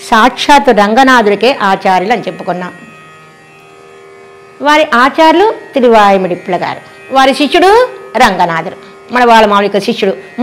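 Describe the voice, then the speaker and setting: Female devotional speaker, somewhat high voice, storytelling manner with fond exclamations; faint classical music behind. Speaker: religious discourse speaker. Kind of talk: devotional discourse.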